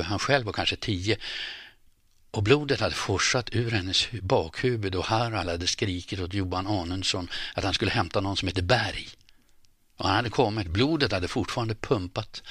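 A man reads a story in a deep, husky voice with a forceful edge. His delivery is measured and often sinks into hushed, near-whispered tones. The sound is dry and close. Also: dry recording. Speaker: audiobook narrator. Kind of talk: scripted narration.

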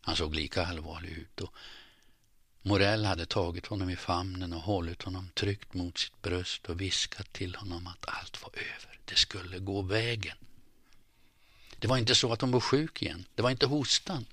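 A man reads a story in a deep, husky voice with a forceful edge. His delivery is measured and often sinks into hushed, near-whispered tones. The sound is dry and close. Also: fairly even intonation, no room sound. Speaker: audiobook narrator. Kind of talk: scripted narration.

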